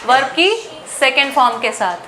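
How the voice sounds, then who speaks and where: A woman teacher with an Indian accent, drilling English grammar sentences in a classroom lesson, slow and word by word. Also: sits high, expressive, pushed and bright, slight background noise.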